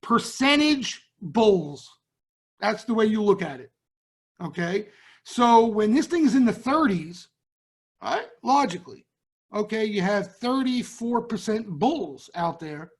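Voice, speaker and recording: A man's voice: high voice, sing-song, takes it slowly, slightly rough. A man with a Brooklyn accent hosting a trading show, talking casually and bluntly to viewers and often checking in with "right?". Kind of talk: casual market talk to viewers.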